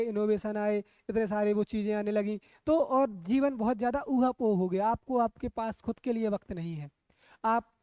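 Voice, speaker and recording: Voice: mid-range voice, mellow, clear, resonant tone, dry recording. A coaching teacher giving an exam-prep lecture, often asking the class rhetorical questions, checking that they follow and repeating key terms.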